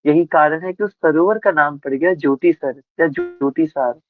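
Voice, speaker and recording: A man's voice: a little high, moderate pace, faint music behind. A man giving a devotional discourse as a spiritual speaker, telling a scriptural story and asking his listeners rhetorical questions. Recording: tinny phone-like sound, dry.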